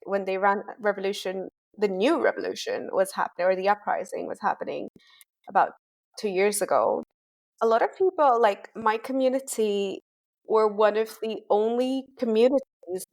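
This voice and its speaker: A young woman from Tanzania, a guest in an interview, speaking in a casual conversational way with lots of "like" and "kind of". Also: mid-range voice. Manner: conversational, frequent fillers like "like" and "kind of". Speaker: guest, women's rights advocate.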